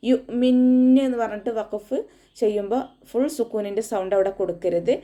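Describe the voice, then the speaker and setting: A woman teaching Quran recitation rules. She explains each rule patiently, repeats herself, and breaks into slow chanted sample phrases. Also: medium pitch, warm tone. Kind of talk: tajweed lesson, explaining then demonstrating recitation.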